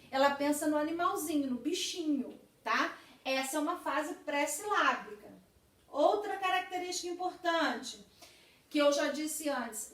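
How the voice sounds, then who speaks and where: High-voiced woman teaching in an echoey room. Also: fairly bright tone. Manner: patient, explanatory, often ends points with tag questions. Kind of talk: recorded lecture explaining literacy stages. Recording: echoey room, voice from a distance from the mic.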